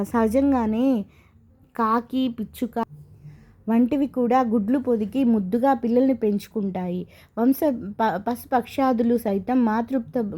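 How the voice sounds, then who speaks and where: A woman's voice: a little high, dark tone. A woman reading a story aloud, in an earnest, emotional way.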